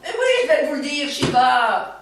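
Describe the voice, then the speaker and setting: A woman's voice: sits high, big pitch swings, noisy background, full character voice. Actress playing a chatty, theatrical older woman. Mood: lively. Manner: chatty, theatrical, quick-witted. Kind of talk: stage comedy performance. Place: theatre stage. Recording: roomy stage sound from far off.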